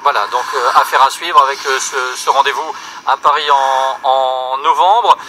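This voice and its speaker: A man hosting a live radio debate, interviewing guests with hesitant phrasing and frequent pauses. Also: mid-range voice, fairly even intonation, sharp tone, slight background noise, rough recording. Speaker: radio host.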